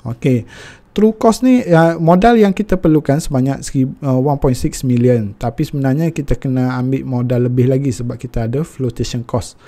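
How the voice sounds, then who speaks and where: Brief: young Malaysian man, mellow tone, patient step-by-step finance tutor, filler-heavy. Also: mid-range voice, moderate pace. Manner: mixes Malay and English, many fillers.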